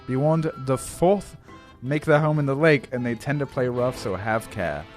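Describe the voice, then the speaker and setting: A man's voice: medium pitch, moderate pace, soft background music, natural voice. A man voicing an earnest old male pixie villager in a put-on Scottish accent, with exaggerated rolled R's. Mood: hammy.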